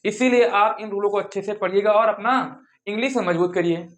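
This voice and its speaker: A man's voice: high-pitched, a little fast. A young man teaching English pronunciation rules in a classroom-style lesson, asking questions and answering them himself over and over.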